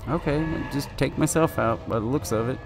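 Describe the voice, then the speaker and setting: A man's voice: medium pitch, fairly quick, gravelly, over music. A man giving live commentary while playing a driving game, nervous and pleading as he keeps urging the car on. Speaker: gaming video creator.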